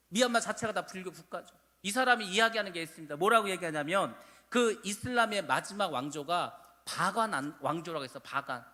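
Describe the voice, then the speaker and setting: A man preaching in a church sanctuary, his voice carrying a long hall reverb. He sounds high and bright. He tells stories with animation and acts out the quoted speech. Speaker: pastor. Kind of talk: sermon.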